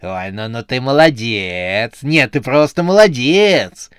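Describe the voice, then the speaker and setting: A man's voice: mid-range voice, animated, normal speed, sharp tone, dry recording, studio quality. A man voicing a bossy, short-tempered snow maiden chief who scolds and barks orders at her helpers. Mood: gushing.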